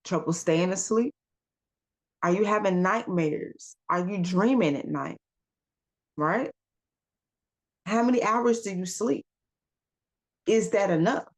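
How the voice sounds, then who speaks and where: A woman giving a casual self-help talk as a wellness coach, firing off questions and calling listeners y'all and baby. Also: mid-range voice. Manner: asks rapid rhetorical questions, calls listeners y'all and baby; emphatic, coaching.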